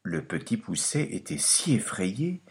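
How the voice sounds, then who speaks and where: A man narrating a fairy tale in a scripted, expressive storytelling manner. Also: lowish voice, a little slow. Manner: expressive storytelling, lively and dramatic.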